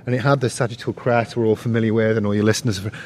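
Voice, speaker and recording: A man's voice: on the low side, level tone, very fast, darkish tone, a little hiss or hum. A man, a guest on an interview show, telling long stories with many restarts and easy laughs. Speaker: guest, researcher. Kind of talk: casual interview chat.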